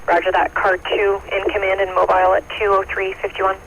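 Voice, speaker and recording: A man working as a fire dispatcher, heard over a two-way radio, giving steady procedural readbacks of units and times. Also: high voice, fairly quick. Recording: muffled radio channel with static hiss.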